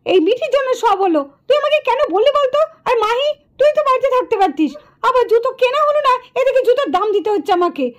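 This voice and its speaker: Puppet show: woman as an exasperated scolding mother, high and quick. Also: animated. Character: scolding mother of two young girls.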